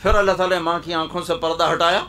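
A male preacher telling a story in a sermon at a university hall, dramatic, swinging between loud cries and hushed tones. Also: high-pitched, fairly even intonation.

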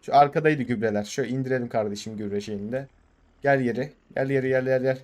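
A young Turkish man commenting on his farming game in a casual, excitable way, swearing and urging his tractor on. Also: medium pitch, quick pace. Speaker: gaming channel host.

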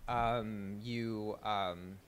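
A man's voice: on the low side, fairly even intonation, very slow, fairly bright tone. A man in his thirties with an American accent, raised in Italy, giving a conference talk in a self-deprecating way with many fillers and restarts. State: a little nervous. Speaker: conference speaker. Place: conference stage.

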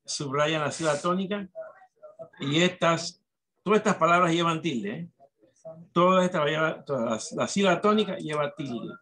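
A man's voice: a little high, normal speed, sharp tone. Man teaching, often asking "¿verdad?". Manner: instructive, repeats and checks with "¿verdad?". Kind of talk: classroom dictation.

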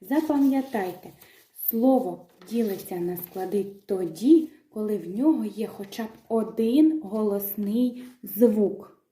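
A woman teaching young children to read, talking in a gentle, slow, sing-song way and breaking words into syllables. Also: mid-range voice. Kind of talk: children's literacy lesson with a told tale. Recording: echoey room.

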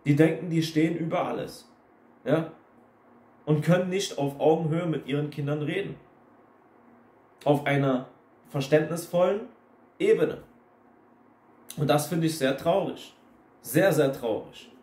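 A man's voice: fairly high pitch, measured pace, long pauses, dark tone. A young man talking bluntly to camera in a casual, repetitive lecturing monologue, mixing in English phrases. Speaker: self-help video host. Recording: echoey room.

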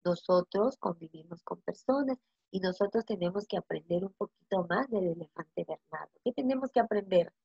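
Woman, first-grade teacher, sing-song questions, slightly husky, dull dry recording. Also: lowish voice, animated, moderate pace, dry recording. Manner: asks the children many questions, answers them herself. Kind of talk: recorded remote reading lesson for young children.

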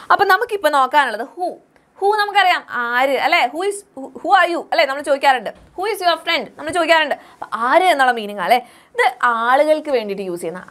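A woman teaches an English lesson in a high, bright voice. She explains step by step and keeps checking with her pupils through questions. She reads English example sentences slowly, sounding out each word. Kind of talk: online class lesson.

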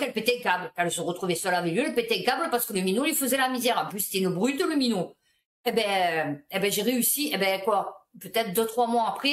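A woman's voice: mid-range voice, fairly bright tone, slight background noise. Chatty woman in an echoey room. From Marseille. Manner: chatty, slangy, reacts aloud while reading. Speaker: host reading local news. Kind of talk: casual commentary on news items.

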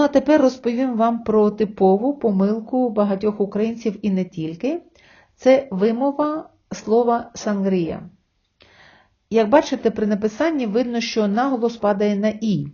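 A woman teaching a language lesson online, explaining patiently step by step and slowing down to sound out example words. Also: mid-range voice, mellow, lo-fi sound.

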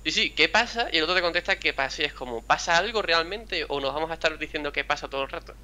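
A young male gaming channel host from a town near Seville, with a mild Andalusian Spanish accent, chats casually over a video game on a call. His voice sits on the high side, bright and expressive, and he talks quickly. He rambles, keeps things chatty, and acts out the quotes he repeats.

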